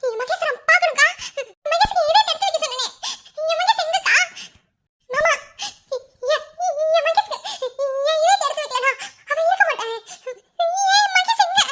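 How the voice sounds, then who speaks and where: A woman's voice: extremely high pitch, rapid-fire, long pauses, fairly bright tone. A woman voicing a distraught young woman in a cartoon, wailing and sobbing with a Madurai Tamil accent. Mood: frantic grief. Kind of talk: cartoon voice acting.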